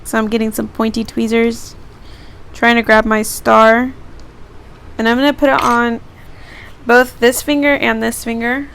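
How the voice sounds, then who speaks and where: Chatty teen girl with gravelly fry. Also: on the high side, level tone, unhurried, pauses often, a bit bright, slight background noise. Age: teens. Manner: chatty, narrating each step. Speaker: beauty vlogger. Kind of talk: casual tutorial vlog.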